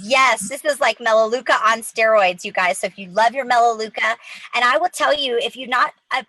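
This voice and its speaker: A woman hosting a live giveaway in a hyped, excited announcing style, chatting directly to the viewers. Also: a little high, a little fast, no room sound, low-quality recording. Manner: excited, chatty, addresses viewers as you guys.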